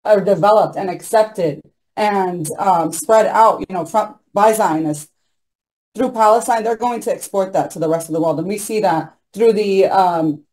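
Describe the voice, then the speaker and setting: A woman's voice: mid-range voice, moderate pace, darkish tone, low-quality recording. A young woman speaking as a panelist on a video call from a small room, earnest and insistent, with many ums and you-knows. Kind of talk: impassioned panel talk. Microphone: laptop mic on a video call.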